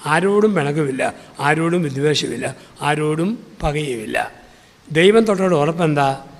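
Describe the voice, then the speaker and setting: Male priest, higher register, storytelling sermon with repetition, long hall reverb. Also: lively intonation, a little slow, creaky. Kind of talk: sermon with humorous anecdotes.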